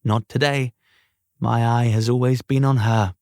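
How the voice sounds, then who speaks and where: A man's voice: mid-range voice, fairly even intonation, a little slow, darkish tone, dry recording, clean studio sound, voice pushed up, close to an everyday voice. A man voicing Marley's ghost, a sorrowful old spirit who speaks solemnly, in an audiobook.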